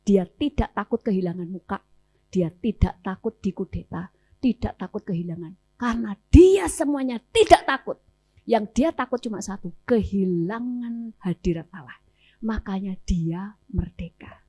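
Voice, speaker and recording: A woman's voice: medium pitch, normal speed. A woman pastor with an Indonesian accent giving a conference sermon, telling stories and acting out the dialogue. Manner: animated storytelling, acting out dialogue.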